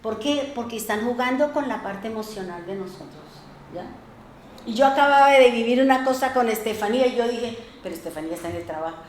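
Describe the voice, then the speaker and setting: High-voiced woman pastor preaching. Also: brisk, echoey room, a little hiss or hum. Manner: lively storytelling preaching, acts out voices. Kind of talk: sermon. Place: church.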